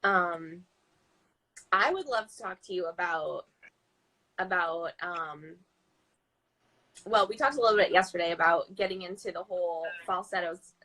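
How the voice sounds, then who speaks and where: A woman hosting a casual interview, giving short supportive replies and asking halting questions. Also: fairly low pitch, bright, forceful tone, poor audio. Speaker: host of a live show. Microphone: video call.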